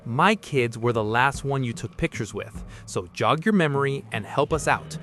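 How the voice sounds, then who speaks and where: A man's voice: fairly high pitch, big pitch swings, moderate pace, over music, voice pushed up. A man voicing a frustrated, protective divorced mother who speaks tense and insistent. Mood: growling.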